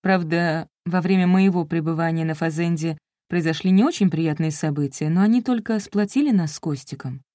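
Woman reading an audiobook in a mellow voice. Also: on the low side, brisk, hardly any pauses, dry recording, clean studio sound. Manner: wry, self-ironic storytelling. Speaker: audiobook narrator. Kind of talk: scripted first-person audiobook narration.

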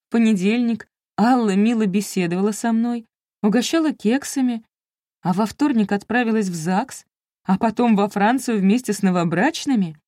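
A woman's voice: mid-range voice, dark tone, no echo, studio quality. A woman reading a first-person audiobook with wry, self-ironic storytelling. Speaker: audiobook narrator.

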